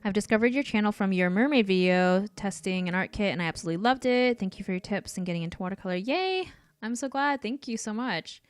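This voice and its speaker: A young woman from Canada hosting an art livestream, chatting casually and reading viewer comments in a soft voice, with many ums and light laughs. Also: mid-range voice, expressive, fast, clean tone, no echo.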